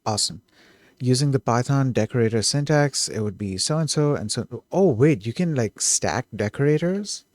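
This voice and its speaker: A man streaming himself coding, thinking aloud, who gets excited and keeps correcting himself mid-thought. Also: mid-range voice, moderate pace, no echo, studio quality. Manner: excitable, self-correcting, trails off and restarts.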